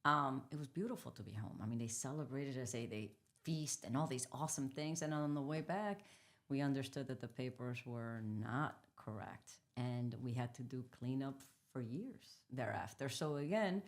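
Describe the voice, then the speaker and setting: A woman's voice: very deep voice, normal speed. A woman in her fifties from the Dominican Republic, a native Spanish speaker, telling her story candidly as an interview guest. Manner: candid storytelling, animated retellings. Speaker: guest entrepreneur. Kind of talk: casual interview conversation.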